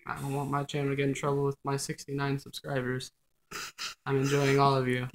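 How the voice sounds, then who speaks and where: A man's voice: medium pitch, monotone, brisk, slight background noise, poor audio. A young adult man chatting casually and off the cuff as a vlog host, recorded on a selfie stick indoors. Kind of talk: casual chat on the fly. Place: small dim room indoors. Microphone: phone on a selfie stick at arm's length.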